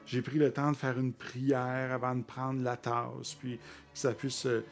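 A man with a Québécois accent, a podcast guest recounting personal experiences in conversation, pausing often with fillers and restarting his sentences. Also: medium pitch, little pitch movement, faint music behind. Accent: Québécois French. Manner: halting, with frequent fillers and restarts. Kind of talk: conversational storytelling.

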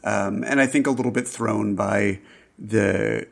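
A man with a low, heavily gravelly voice talks about a film in casual podcast chat. He is reflective and hesitant, with plenty of ums and restarts. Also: unhurried. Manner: thoughtful, hesitant, many fillers. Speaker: film critic podcast co-host.

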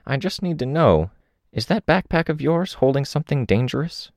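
A man plays an earnest, chatty old woman on a train who rambles and confides, pitching above his natural voice. The delivery is expressive, on the high side, a little mellow and at moderate pace. The studio recording is dry and clean.

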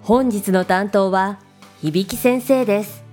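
A woman's voice: mid-range voice, takes it slowly, a little mellow, soft background music. Woman announcing a podcast intro. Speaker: show announcer. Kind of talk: scripted show introduction.

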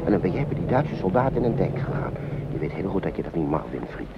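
A man plays a fretful uncle who chatters quickly to children and scolds them kindly. His voice sits low. The old recording is dull and full of hiss. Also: sing-song. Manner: fretful, chatty, scolding yet kindly, many tag questions. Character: fussy adult uncle minding children.

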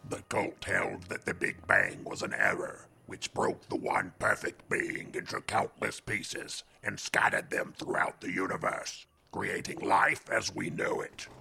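A man voicing a grave, patient, wise otherworldly sage in a cartoon, gravelly and husky, with a measured, solemn manner. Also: low voice, sharp tone, exaggerated voice.

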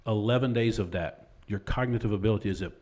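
Cop on a podcast, kinda low voice, explains stuff earnestly, casual. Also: male voice, fast, a little mellow. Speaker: police officer guest.

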